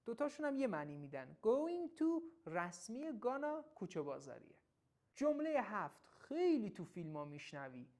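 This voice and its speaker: A woman teaching everyday English phrases in a casual lesson, saying each phrase slowly and then explaining it quickly. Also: fairly high pitch. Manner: praises the listener warmly when coaching them to repeat.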